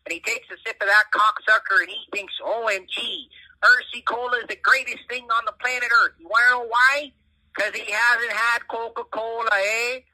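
A man's voice: very high voice, fairly even intonation, moderate pace, pushed and bright, exaggerated voice, rough recording. A man voicing a blunt, folksy, foul-mouthed Canadian uncle leaving a comedic voicemail, heard through a phone speaker. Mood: folksy, reassuring. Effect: phone voicemail playback. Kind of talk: comedic phone message monologue.

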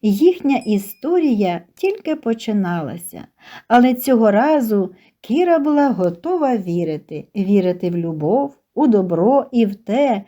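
A woman narrating an audiobook love story as a calm, measured, scripted reading. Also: medium pitch.

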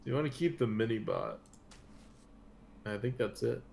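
Tired, gravelly man streaming a game. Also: mid-range voice, moderate pace, a little mellow, a little hiss or hum. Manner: tired, drowsy, yawning. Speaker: streamer playing a card game. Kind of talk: casual gameplay chat.

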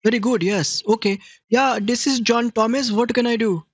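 Playing a bewildered victim on a prank call, a man teases the scammer in broken English with a fake Indian accent. His very high voice is steady and a little breathy at a moderate pace, with no room sound.

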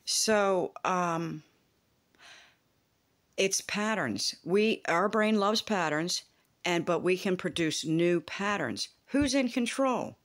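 A woman's voice: lowish voice, expressive, takes it slowly. Woman, 50s, vlogger; emphatic, profane, rambling self-help talk. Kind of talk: casual self-help monologue.

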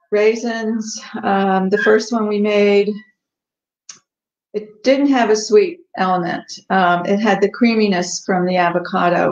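A woman hosting a casual live cooking stream from a home kitchen, chatting with many ums and eating as she talks. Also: medium pitch. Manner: relaxed, chatty, many ums, tasting and eating while talking. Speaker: cooking show host. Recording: echoey, dull livestream audio.

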